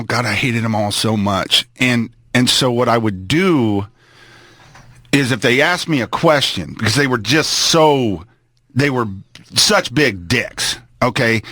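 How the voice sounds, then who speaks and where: A man's voice: mid-range voice, no echo. Blunt storytelling man, dry close sound. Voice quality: blunt, crude, animated storyteller. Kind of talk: casual storytelling.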